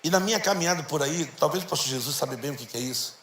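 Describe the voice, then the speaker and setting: A middle-aged man, telling stories in a church sermon and acting out the dialogue in a lively, slangy way. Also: on the high side, racing. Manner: animated, slangy, acts out dialogue. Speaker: guest preacher. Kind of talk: storytelling sermon. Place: church hall. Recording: echoey church hall, faint noise.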